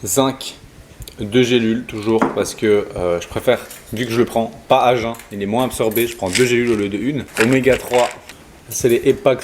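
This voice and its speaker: A man's voice: medium pitch, background noise. A young man, a fitness coach talking casually to camera in a vlog, explaining as he goes with hesitations and self-corrections. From Belgium. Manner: chatty, explanatory, frequent "euh" fillers and self-corrections.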